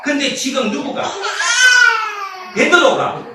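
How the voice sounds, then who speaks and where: A male pastor preaching with a lively voice that leaps up and down. He keeps throwing questions at his listeners, stretches key words out slowly and breaks into laughs and shouts. The sound comes from a booming church hall, picked up from a distance. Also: over a noisy crowd. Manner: keeps asking the congregation rhetorical questions; animated, often laughing and shouting for emphasis. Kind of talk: sermon. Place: church sanctuary. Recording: echoey hall, mic far off, noisy.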